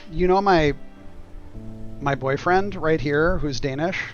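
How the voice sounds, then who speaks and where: A man's voice: a little high, takes it slowly, dull audio. A man streaming a game, chatting casually and commenting with wry, sweary, sarcastic asides. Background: music.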